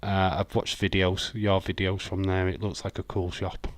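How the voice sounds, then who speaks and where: This man hosts a casual live watch-along in a broad Yorkshire accent, keeping his low voice fairly flat in pitch. Chatty and prone to swearing, he reads out viewers' comments and leans heavily on "uh" and "um," recorded with no echo.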